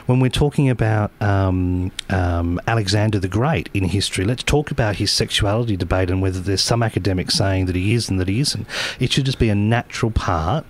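A man co-hosting a live radio panel, earnest and quick to argue his point. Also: fairly low pitch. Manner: earnest and argumentative, quick to rebut. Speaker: radio co-host. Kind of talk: casual radio panel chat.

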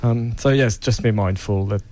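Male co-host, lowish voice, halting delivery with fillers. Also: mellow. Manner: hesitant, many uhs. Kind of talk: casual chat.

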